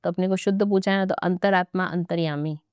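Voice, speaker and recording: A woman's voice: on the low side, fairly even intonation, quick pace, clean tone, no echo, clean studio sound. A young woman teaching an exam-prep grammar lesson, chatty and playful, with asides to her students.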